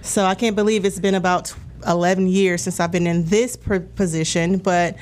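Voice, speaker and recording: A woman's voice: lowish voice, fairly even intonation, moderate pace, a little mellow. A woman in her forties, a wellness coordinator on a talk show, explaining her programs in a friendly way with some fillers. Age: 40s. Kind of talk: casual radio talk.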